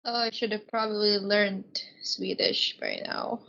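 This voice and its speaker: A woman's voice: mid-range voice, big pitch swings, unhurried, gravelly, bright, forceful tone. A woman taking part in an online quiz over a video call, hesitant and thinking aloud as she guesses. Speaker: quiz participant. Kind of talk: casual online quiz chat. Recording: dull lo-fi video call audio.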